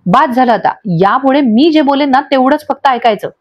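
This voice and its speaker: A woman voicing a young husband who insists calmly and firmly in a storybook recap. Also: high-pitched, moderate pace, dull audio. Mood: firm, soothing. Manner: soothing, then firm and insistent. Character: steady young husband calming his wife.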